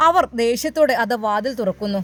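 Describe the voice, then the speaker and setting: A woman's voice: on the high side, expressive, a little fast, fairly bright tone, a little hiss or hum. Dramatic Malabar woman storyteller. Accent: Malabar Malayalam.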